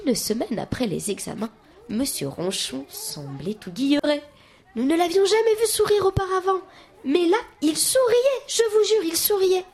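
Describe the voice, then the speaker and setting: A woman reading a children's book aloud in a lively, expressive way, with whispered asides. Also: very high voice, normal speed. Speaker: storyteller.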